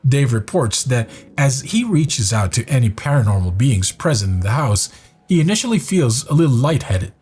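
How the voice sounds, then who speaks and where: A man reading scripted narration for a countdown video in a measured, even storytelling manner. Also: mid-range voice, husky, soft background music.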